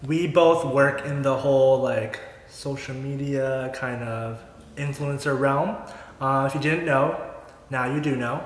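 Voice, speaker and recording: A man in his twenties hosts a casual mukbang vlog, chatting in an upbeat way and laughing often. His mid-range voice moves at a measured pace, recorded in an echoey room with faint noise.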